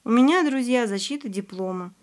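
A woman's voice: a little high, animated, a little fast, voice pushed up, natural voice. A woman reading the lines of a cheerful, teasing young male student teacher in an audiobook.

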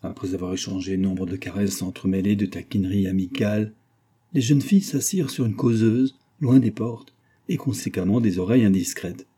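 A man narrating a classic novel as an audiobook in a measured, careful reading. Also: fairly low pitch, mellow, slightly rough.

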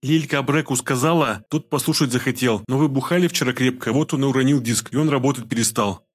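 A woman's voice: a bass voice, fairly quick, slightly rough, voice pushed up. A man voicing a frightened young wife of a gang boss, gabbling in broken, pleading bursts. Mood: tearful explaining.

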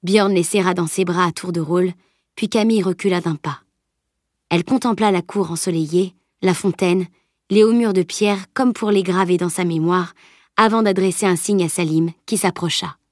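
Woman reading an audiobook, calm, low voice, dry studio. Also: moderate pace, dry recording. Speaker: audiobook narrator. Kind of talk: scripted narration.

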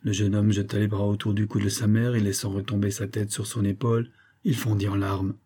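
A man reading a classic novel aloud as an audiobook narrator, steady and measured. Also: fairly low pitch, breathy edge.

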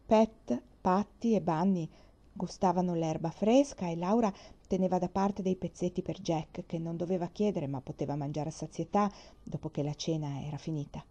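Mellow-voiced woman reading a story aloud. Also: mid-range voice. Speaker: audiobook reader. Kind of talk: scripted storybook narration. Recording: muffled lo-fi recording.

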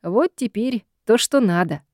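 A woman's voice: a little high, lively intonation, a little slow, no echo, clean studio sound. A woman reading an audiobook, voicing an exasperated young man who pleads with his meddling mother. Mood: wry.

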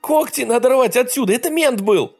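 Shrill, panicky young man pleading for his life, voice cracking high, read by a male narrator. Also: sing-song, fairly quick, faint music behind, heavily acted. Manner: shrill, pleading, breaking into squeals.

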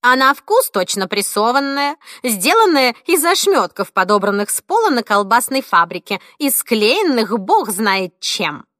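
A woman reading an audiobook, voicing a cantankerous 86-year-old woman who snaps and scolds in a shrill, indignant voice. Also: sing-song, unhurried, few pauses, pushed and bright, no echo, studio quality, exaggerated voice.

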